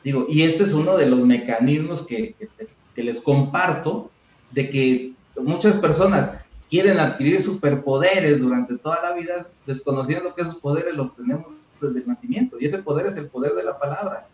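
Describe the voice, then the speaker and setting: Man, mental coach, animated explaining, fairly high voice, echoey dull audio. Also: moderate pace. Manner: animated, acts out examples in quoted voices. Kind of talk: explanatory interview talk.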